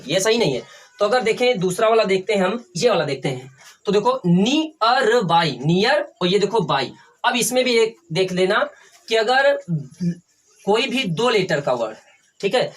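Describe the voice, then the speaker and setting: Man spelling out phonics rules slowly. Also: sits high. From India. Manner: spells words letter by letter, asks and answers himself; often says "ठीक है" to check along. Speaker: English teacher. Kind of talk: classroom phonics lesson.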